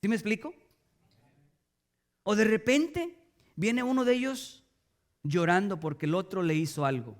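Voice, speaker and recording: Man, pastor, middle-aged, high-pitched, conversational sermon. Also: a little slow, pauses often. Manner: conversational preaching with rhetorical questions to the audience.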